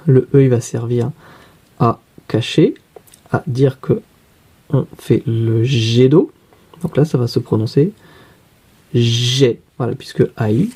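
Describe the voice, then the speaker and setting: A man with a very dark, husky voice gives a reading lesson for young children. He speaks slowly and patiently, explaining each card and stopping to ask what it says. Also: mid-range voice. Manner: slow, patient, questioning explanations. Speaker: teacher.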